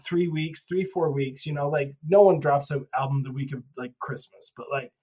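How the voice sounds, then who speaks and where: A man's voice: fairly high pitch, fairly even intonation, normal speed, dark tone, rough recording. A man co-hosting a podcast in a casual, rambling chat, swearing freely and laughing often. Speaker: podcast co-host.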